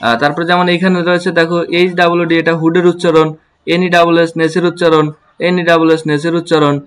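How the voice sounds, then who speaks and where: A man with a fairly high voice teaching English pronunciation in an online lesson. He breaks each word into letters and syllables, repeats it slowly, then asks his students what it makes and gives the answer himself. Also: flat delivery, fairly bright tone, clear, resonant tone. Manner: slow, spells words letter by letter and repeats them.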